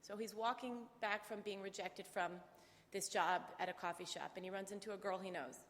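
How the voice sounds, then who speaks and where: A woman's voice: medium pitch, fairly even intonation, fairly quick, a bit bright. A woman, the daughter of the deceased, giving a funeral eulogy and telling family anecdotes with quoted dialogue. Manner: storytelling, acting out quoted dialogue. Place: memorial chapel. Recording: long chapel reverb.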